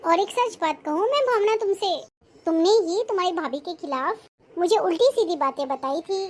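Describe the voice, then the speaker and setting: A calm, wise middle-aged mother, played by a woman, reasons steadily with her grown daughter in a family drama. Her voice sits very high, and her gentle chiding has a light, teasing edge. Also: normal speed. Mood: gently chiding. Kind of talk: acted Hindi family short film.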